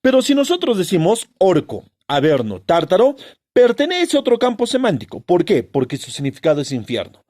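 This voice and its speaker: A man's voice: high-pitched, huge pitch swings, fairly quick, darkish tone, no room sound, studio quality. A male teacher giving an exam-prep lesson, posing rhetorical questions and answering them himself while stressing key terms.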